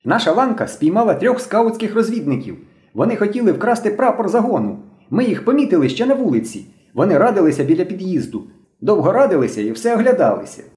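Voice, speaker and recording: A man voicing an excitable thin boy who leads a pioneer squad, shouting orders in a high voice in an audiobook reading. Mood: eager. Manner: shouting fast, high-pitched, bossy. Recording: roomy echo.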